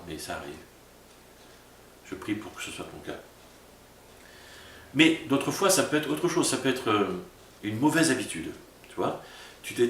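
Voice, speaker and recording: A pastor speaks to small groups in an informal sermon style, often checking in with the listener. His voice sits low and reaches the mic from across an echoey room. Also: fairly bright tone, a little hiss or hum. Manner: informal, addresses listener as tu, frequent "tu vois". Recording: roomy echo from a distance with faint ambience.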